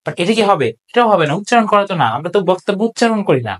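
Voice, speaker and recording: An English tutor for admission exams goes through exam answers in a recorded lecture, speaking animatedly at a middling pitch. He explains step by step, adding rhetorical questions and quick checks that listeners are following, and reads English example sentences out slowly and deliberately.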